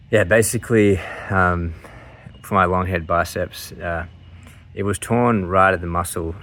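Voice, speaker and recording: A man's voice: sits low, fairly bright tone. A man in his mid thirties chatting casually to his viewers, rambling and hesitant as he breaks into his own sentences. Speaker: vlogger sharing surgery recovery update.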